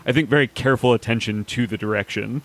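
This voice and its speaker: A man's voice: medium pitch, quick pace, fairly bright tone. Chatty enthusiastic man. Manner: enthusiastic, swears casually, many restarts. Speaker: podcast host. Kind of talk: casual film podcast chat.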